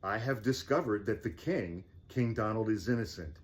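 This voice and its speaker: A man's voice: on the low side, moderate pace, lightly acted. Man putting on declamatory storybook wizard, fireside storytelling. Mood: proclaiming. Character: earnest, self-important male wizard investigator, declaiming.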